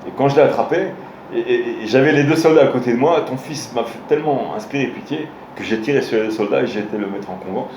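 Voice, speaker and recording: A man's voice: mid-range voice, fast talker, a little mellow, slight background noise. A man, a rabbi, giving an informal Torah lesson, telling stories with frequent restarts and hesitations and speaking directly to his listeners. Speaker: rabbi teaching a Torah class. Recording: roomy room with faint ambience.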